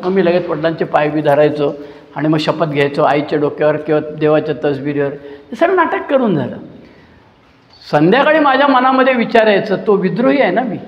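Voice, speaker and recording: An older man with a fairly high voice gives a personal testimony to a support group. He tells it vividly and briefly imitates the people he quotes. The sound is dull and lo-fi, with a long hall echo around him. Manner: animated storytelling, acting out quoted people with mocking asides. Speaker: recovery group member sharing his story. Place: meeting hall. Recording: dull lo-fi recording in an echoey hall.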